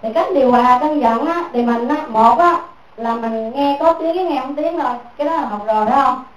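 A woman's voice: high-pitched, brisk. A woman giving a Buddhist dharma talk as a teacher, repeating her points and asking listeners "right?" again and again. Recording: echoey room, mic far off.

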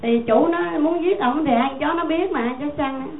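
A woman's voice: sits high, a little fast, a little hiss or hum. A woman, a Buddhist nun giving a dharma talk in a folksy, repetitive, conversational way. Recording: echoey tinny phone-like sound.

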